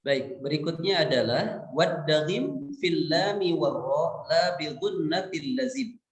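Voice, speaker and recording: Male interpreter for a religious class; very slow, careful pace, recorded in an echoey room. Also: fairly high pitch, lively intonation. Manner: unhurried, spells out terms. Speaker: interpreter for the lesson. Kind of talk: explaining the lesson in translation.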